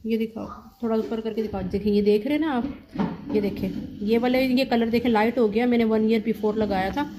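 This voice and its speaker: A woman's voice: fairly high pitch, a little fast, background noise. A woman with a Punjabi accent, a mother, chatting casually to camera at home as she explains and demonstrates something, repeating little check-ins to her viewers. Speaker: family vlogger, mother. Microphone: phone camera held by her child.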